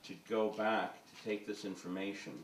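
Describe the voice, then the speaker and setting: On a panel before an audience in an event hall, a film director talks at normal speed with a fairly low pitch and level tone. He rambles, hesitating often with uhs and ums. The roomy hall is miked from afar, so a little hiss or hum comes through.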